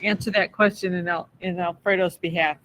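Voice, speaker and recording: High, bright-voiced male organizer. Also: fairly even intonation, brisk, slight background noise, rough recording. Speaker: panel organizer. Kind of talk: casual panel talk.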